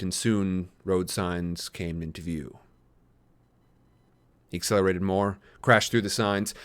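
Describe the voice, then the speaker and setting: Deep-voiced man narrating a suspenseful dramatic story. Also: dry recording. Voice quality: deep, lumberjack-like. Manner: hushed, measured, suspenseful. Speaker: narrator of a submitted script.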